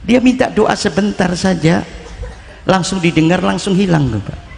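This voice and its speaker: A man's voice: high voice, unhurried, creaky, darkish tone. A man preaching a sermon in a folksy, dramatic way, often calling his listeners "Pak". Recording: echoey hall with long reverb.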